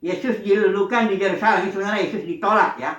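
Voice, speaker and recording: A woman's voice: medium pitch, racing. A woman preaching a sermon, telling the story expressively and acting out the quoted cries. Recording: echoey room, dull lo-fi sound.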